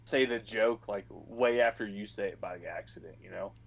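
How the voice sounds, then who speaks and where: A man's voice: fairly low pitch, fairly even intonation, moderate pace, gravelly. A man co-hosting a podcast in casual chat, often repeating words as he starts a sentence. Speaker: podcast co-host.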